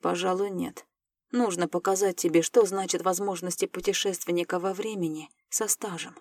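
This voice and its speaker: A woman voicing a grown man, a calm time-travelling mentor, speaking in a measured, slightly lowered voice in an audiobook. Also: no echo, studio quality. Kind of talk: audiobook character voice.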